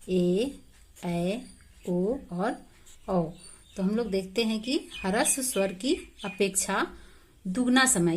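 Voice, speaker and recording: Patient woman teaching vowel sounds. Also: medium pitch. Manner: patient, repeats and drills examples with rhetorical questions; stretches vowels slowly when demonstrating sounds. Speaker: Hindi grammar teacher. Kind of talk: explanatory classroom lesson.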